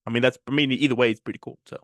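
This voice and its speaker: A man's voice: mid-range voice, steady tone, racing, a bit bright, no room sound. A man hosting a casual chat show, laid-back and agreeable, with a slangy way of talking. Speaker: host.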